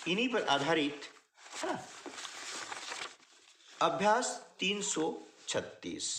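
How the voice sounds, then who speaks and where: A man teaching a workbook lesson, explaining step by step and often checking in with short questions to the listener. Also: reverberant. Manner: lively, rising and falling pitch.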